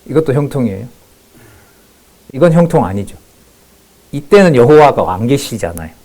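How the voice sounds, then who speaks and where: A male pastor giving a sermon, moving between calm scripture reading and loud, emphatic remarks. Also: medium pitch, moderate pace.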